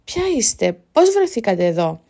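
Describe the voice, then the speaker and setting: A woman voicing a courteous young king who speaks gently and reassuringly. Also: mid-range voice, big pitch swings, creaky. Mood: gentle, curious. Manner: gentle, reassuring, then commanding.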